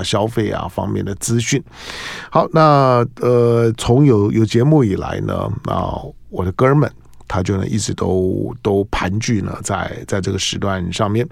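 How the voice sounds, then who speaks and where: A man's voice: fairly low pitch, gravelly, darkish tone, dry recording. A middle-aged man with a Taiwanese Mandarin accent, hosting a morning radio show in a studio and bantering casually, often stammering and repeating words. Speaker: radio talk show host.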